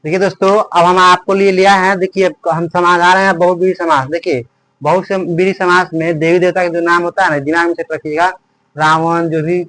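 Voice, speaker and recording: A man teaches an online grammar lesson in a slightly high voice. He repeats each point and asks and answers his own questions. The recording is dry and close to the mic. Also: fairly bright tone, no room sound. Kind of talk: online class lecture on grammar.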